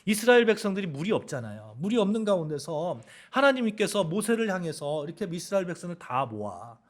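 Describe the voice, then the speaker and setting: A man's voice: high voice, big pitch swings, fast talker. A male pastor preaching a sermon with emphatic delivery, rhetorical questions to his congregation and vivid retelling.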